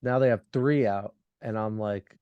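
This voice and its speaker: A man co-hosting a podcast, chatting in a relaxed, rambling way and laughing often. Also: on the low side, unhurried, clear, resonant tone, no room sound, highs cut off. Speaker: podcast co-host. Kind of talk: casual chat.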